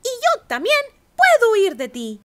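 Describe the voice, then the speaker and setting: A tiny gingerbread cowboy brags and teases in a high, swooping sing-song voice, as a woman reading a storybook puts him on. He sounds giddy and full of himself, and the pitch leaps around. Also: huge pitch swings, measured pace, bright, forceful tone, heavily acted. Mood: boastful. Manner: giggly, taunting sing-song, bragging. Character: cocky runaway gingerbread cowboy, small, boastful.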